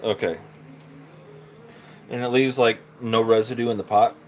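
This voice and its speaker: A man's voice: lowish voice, fairly even intonation, measured pace, a little mellow, a little hiss or hum, low-quality recording. A man in his forties hosting a live cooking show from his home kitchen, explaining each step casually to viewers while he works on camera. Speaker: home cooking channel host. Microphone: handheld camera mic, moved around the stove.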